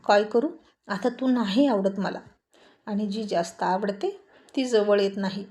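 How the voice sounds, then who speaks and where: A bold young village man , as a woman reading the story puts him on, coaxes and teases in a soft, mellow voice. His lines stay close to the reader's own warm tone in a spoken romance story. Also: mid-range voice, a little slow, natural voice. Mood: sulky. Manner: coaxing, playful.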